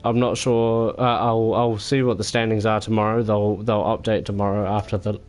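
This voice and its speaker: A man wrapping up a racing stream, tired and sore, self-critical and halting with lots of fillers. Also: on the low side, little pitch movement, darkish tone. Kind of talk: casual post-race wrap-up.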